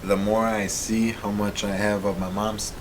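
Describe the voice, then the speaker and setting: A man in his late twenties co-hosting a casual podcast, easygoing and quick to laugh. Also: on the low side, little pitch movement, slight background noise. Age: 20s. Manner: easygoing, laughs often, reads sponsor plugs. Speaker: podcast co-host. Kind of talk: casual chat.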